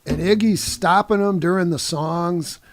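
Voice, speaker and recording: A man in his sixties from the Detroit area, a guest musician telling an animated story in a casual interview, laughing often and dropping "man" and "you know". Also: high voice, a little slow, dry recording.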